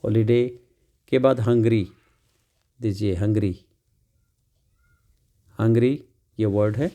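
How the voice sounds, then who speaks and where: A man tutoring English from a children's workbook, explaining slowly and repeating each word, asking questions and answering them himself. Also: fairly low pitch, fairly even intonation, dark tone. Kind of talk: classroom lesson explaining a workbook.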